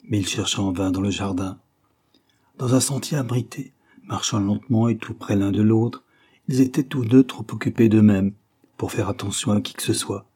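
A man reading a novel aloud as an audiobook narrator, with an even, measured delivery. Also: fairly low pitch, husky. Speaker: audiobook reader.

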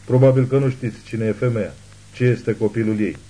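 A man voicing a zealous old woman who calls herself a prophet, speaking in a hushed but imperious way. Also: medium pitch, natural voice, rough recording.

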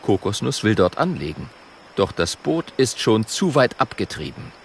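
A man narrating a children's audiobook in an expressive storytelling manner. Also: fairly low pitch, normal speed, vocal fry, slight background noise.

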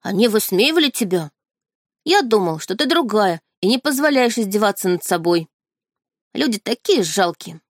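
A woman's voice: mid-range voice, normal speed, no echo, clean studio sound. Woman reading as a blunt, hungry tiger-cub boy. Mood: indifferent. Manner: flat, indifferent. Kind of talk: audiobook reading.

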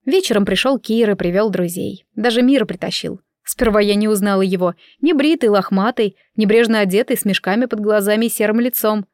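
A woman narrating a first-person story in a calm, even storytelling manner. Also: medium pitch, brisk, hardly any pauses, no echo, studio quality. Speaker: audiobook narrator.

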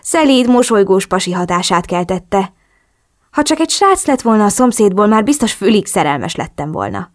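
A woman narrating a romance audiobook in the first person, expressive and lively. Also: medium pitch, no room sound, clean studio sound.

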